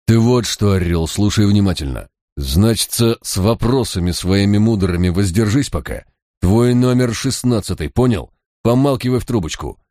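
This is a bossy, sardonic police chief in an audiobook, voiced by a male reader. He talks in curt, mocking bursts of slang, his low voice pushed a little higher. The recording is close and dry. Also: animated, moderate pace, a little mellow, no room sound. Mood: brusque, lecturing. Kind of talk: audiobook character reading.

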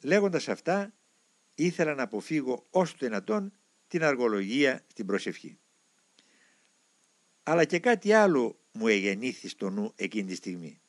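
A man reading a first-person spiritual memoir aloud with dramatic, expressive storytelling. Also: mid-range voice, long pauses, dry recording. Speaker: audiobook reader. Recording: dry close recording.

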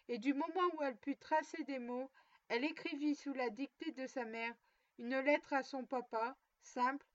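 Narrator: a high-voiced woman reading a children's story, measured and expressive, on a dull, muffled recording. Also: no room sound.

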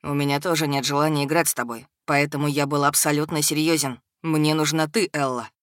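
Woman voicing a low sardonic male dragon. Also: a little fast, dry recording, clean studio sound, close to an everyday voice. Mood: calm, sardonic. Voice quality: low vibrating voice. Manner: calm, impassive, sarcastic. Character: sardonic centuries-old male dragon shapeshifter. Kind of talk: audiobook character voice.

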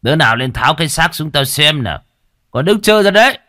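A man's voice: rumbling low, very animated, extremely slow, creaky, sharp tone, dry recording, clean studio sound, pitched below the performer's own voice, exaggerated voice. A man voicing a crude, heartless old village chief who curses and barks orders with contempt. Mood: furious yelling. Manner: barking, cursing, contemptuous. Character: cruel, crude old male village chief, pompous and foul-mouthed.

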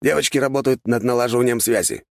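A man's voice: mid-range voice, fast, gravelly, no room sound, studio quality, pitched above the performer's own voice, lightly acted. A man doing a courteous, curious mage servant. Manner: courteous and formal. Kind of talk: audiobook character voice.

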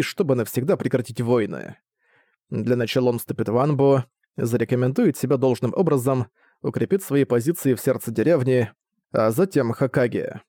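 Calm, mellow male audiobook narrator. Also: medium pitch, dry recording, clean studio sound. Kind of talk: scripted narration.

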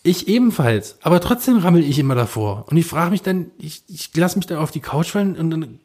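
A man's voice: fairly high pitch, animated, a little fast, a little mellow, breathy edge. A man co-hosting a podcast, telling a story in casual chat, full of fillers and restarts. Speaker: podcast co-host.

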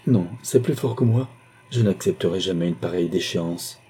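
A man's voice: low voice, brisk, mellow, slightly rough. A man voicing a proud, indignant middle-aged wife who laments her lost standing in a storybook reading. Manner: lamenting and haughty.

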